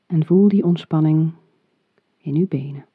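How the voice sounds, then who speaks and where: A relaxation guide leading a meditation in a calm, soothing, soft and breathy voice, giving measured instructions. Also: mid-range voice. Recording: muffled phone-like audio, roomy echo.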